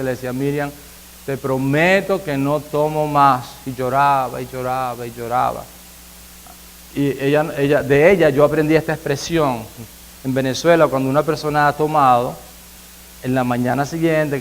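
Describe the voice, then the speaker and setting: A male pastor giving a sermon. He checks in with the congregation with rhetorical questions and moves from quiet storytelling to loud, emphatic preaching. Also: mid-range voice, a little hiss or hum, poor audio. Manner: repeats phrases and asks the congregation "¿verdad?".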